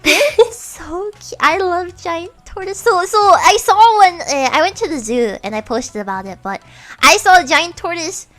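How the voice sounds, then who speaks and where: A young woman from the United States chats on a stream in a high, lively voice that leaps up and down. Her tone is bright and she talks in a giggly, animated way. Faint music plays behind her. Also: normal speed. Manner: giggly, chatty, animated storytelling. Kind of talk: casual chat.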